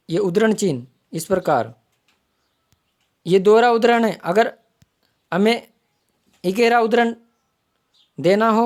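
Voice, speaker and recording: Woman, grammar teacher, online lesson, patient explaining, repeats terms, slows for examples, mid pitch. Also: darkish tone. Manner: explanatory, repeats terms while pointing them out. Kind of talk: online exam-prep lesson.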